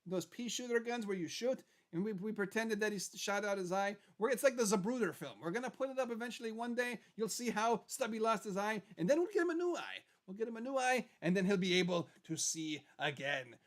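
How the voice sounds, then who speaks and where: Man doing a high-pitched, chatty skeleton character. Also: expressive, fast, hardly any pauses. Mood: chatty, playful. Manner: rambling, repeats phrases for emphasis. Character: animated skeleton character, chatty male puppet show host. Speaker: livestream host. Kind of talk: casual in-character livestream chat.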